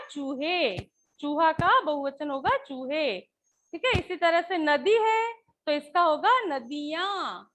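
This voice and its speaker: A woman's voice: very high voice, fairly bright tone. A woman teacher explaining Hindi grammar patiently, often checking with the class as she goes.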